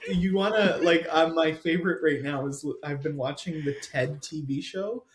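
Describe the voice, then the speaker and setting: A man talking as a podcast guest in casual conversation, chatty and rambling, quick to laugh. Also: fairly high pitch, slight background noise. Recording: roomy echo.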